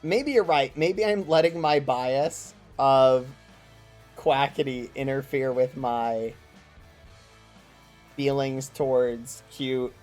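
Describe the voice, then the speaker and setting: An excitable livestreamer talks casually to the audience at an unhurried pace. The delivery is chatty and gushing toward guests. Soft music plays behind the voice. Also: medium pitch. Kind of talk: casual livestream chat with viewers.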